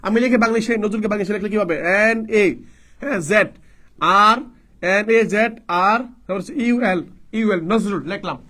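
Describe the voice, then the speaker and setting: A man with a high, fairly bright voice runs a live online class for an admission test. Again and again he poses questions and then answers them himself in a repetitive call-and-response style.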